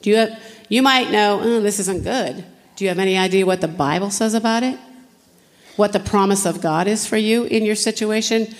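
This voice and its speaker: A woman's voice: mid-range voice, fairly quick. Earnest woman preaching in a reverberant hall. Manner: earnest, direct, rhetorical questions to the audience. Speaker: conference speaker. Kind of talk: sermon. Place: conference hall.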